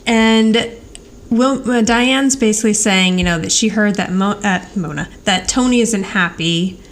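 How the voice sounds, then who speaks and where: Her mid-range voice moves a little slowly as she chats casually through a TV rewatch recap as a podcast co-host. Now and then she acts out pieces of dialogue, and there's no background noise.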